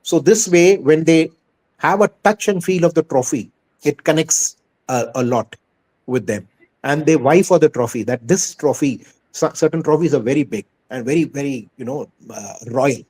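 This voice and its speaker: Mellow Indian-accented man, slightly higher-pitched. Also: moderate pace, rough recording. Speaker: school head being interviewed. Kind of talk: conversational interview answers.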